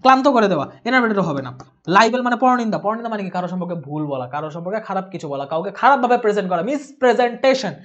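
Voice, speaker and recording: A man's voice: sits high, animated, racing, a bit bright, muffled recording. A young man with a Bangladeshi Bengali accent, lecturing as a tutor on exam vocabulary and often checking that students follow.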